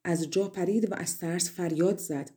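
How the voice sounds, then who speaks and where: Low mellow woman reading fairy tales. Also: steady tone. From Iran. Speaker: audiobook narrator. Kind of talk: fairy tale audiobook reading.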